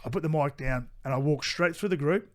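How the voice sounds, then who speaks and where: Speaking a little fast in a fairly high voice, a middle-aged Australian man co-hosts a podcast. The talk is casual and blunt, loaded with swearing, repetition, and restarted sentences.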